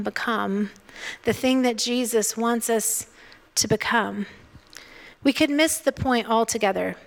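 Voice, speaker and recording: A woman in her fifties preaching a sermon, expressive and playful, dropping to a hush for emphasis. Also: on the high side. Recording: long hall reverb.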